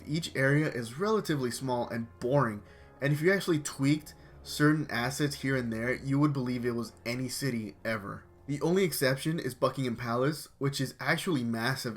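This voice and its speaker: A young man giving a dry, dismissive game review in a scripted narration. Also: mid-range voice.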